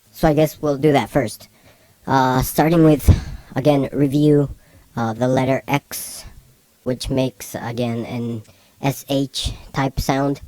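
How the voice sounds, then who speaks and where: Male teacher for a beginner lesson. Slow, patient delivery with repeated words. Dry recording. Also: medium pitch, a little mellow, no echo. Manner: slow, repeats each word several times. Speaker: language teacher.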